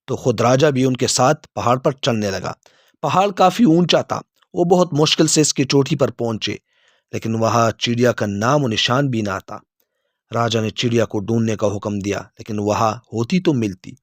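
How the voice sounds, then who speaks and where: Male storyteller, steady clear reading, mid pitch, dry close recording. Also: no echo. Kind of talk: scripted storybook narration.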